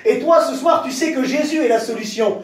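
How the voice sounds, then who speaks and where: A man preaching a fervent sermon to a congregation, speaking directly to them and rising into shouts. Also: very high-pitched, a little fast. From France. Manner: impassioned, rises to shouts, addresses the crowd directly. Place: church. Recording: very echoey church hall, heard from a distance.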